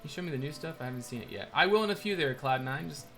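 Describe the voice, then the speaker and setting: A man with a bright, forceful voice hosts a live stream, thanking new followers and rambling through viewer questions. His relaxed talk drifts from topic to topic, with faint game music playing under it. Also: fairly high pitch, racing. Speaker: livestream host building in a game. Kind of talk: casual live commentary reading chat. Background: faint game soundtrack music.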